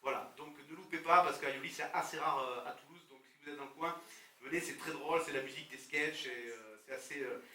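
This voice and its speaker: A man doing stand-up comedy on stage, telling stories with animated voices for phone calls and arguments. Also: a little high, a little fast. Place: theater stage before a live audience. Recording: echoey theater from far off.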